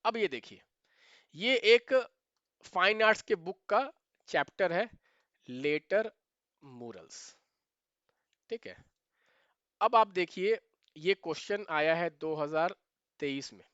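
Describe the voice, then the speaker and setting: A male exam mentor with a high, bright, crisp voice. He talks emphatically and hammers his points home by repeating them. The sound is dry and a little dull. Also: expressive, slow, pauses often, no room sound. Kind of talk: direct-to-camera advice video.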